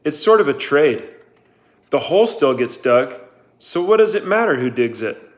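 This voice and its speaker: A man's voice: on the high side, very animated, normal speed. A man reading aloud, voicing an earnest teenage boy who argues his case politely. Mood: pleading. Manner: earnest and reasoning.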